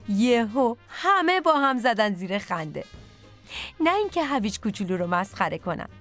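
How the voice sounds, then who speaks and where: A woman's voice: mid-range voice, fairly bright tone. A woman narrating a bedtime story for children and speaking directly to them.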